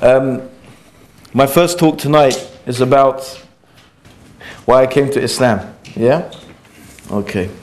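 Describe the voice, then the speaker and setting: Man, 40s, relaxed lecturer, chatty with asides, mid pitch. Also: slow, pauses often, slight background noise. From England. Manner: conversational, full of fillers and asides. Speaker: Islamic lecturer. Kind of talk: informal religious lecture.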